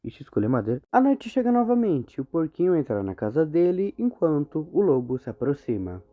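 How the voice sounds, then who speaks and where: Speaking fairly quickly in a high-leaning, sing-song voice with a slight hiss or hum, a man with a Brazilian Portuguese accent recaps a horror series as a video narrator. His storytelling is informal, colloquial and full of slang. The audio is muffled and phone-like, with background music playing.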